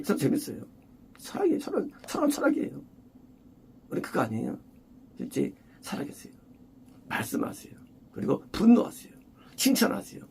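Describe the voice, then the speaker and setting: A male pastor delivering an expository sermon with a husky, gravelly voice. He swings widely in pitch and keeps pressing his points through repetition, sometimes rising almost to a shout.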